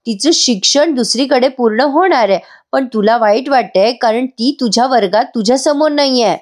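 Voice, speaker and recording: Woman voicing a frank, earnest male friend, insistent advice, fairly high voice. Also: lightly acted.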